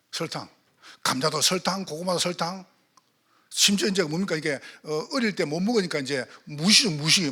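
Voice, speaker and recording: Lively Gyeongsang-accented pastor, husky voice. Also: male voice, high-pitched. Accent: Gyeongsang Korean. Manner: lively preaching with frequent rhetorical questions to the congregation. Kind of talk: sermon. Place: church sanctuary.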